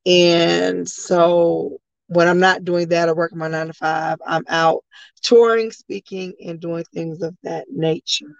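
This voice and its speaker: An American woman from the Chicago area with a slightly hoarse voice, answering as a guest speaker and advocate in a conversational interview. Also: lowish voice, fairly even intonation, unhurried, dry recording, lo-fi sound. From Chicago area, United States. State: a little hoarse.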